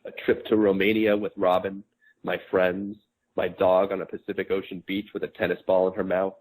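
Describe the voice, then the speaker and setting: A man in his forties, an author, reading his memoir aloud in a measured, quiet, reflective way. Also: low-pitched, flat delivery, rough recording.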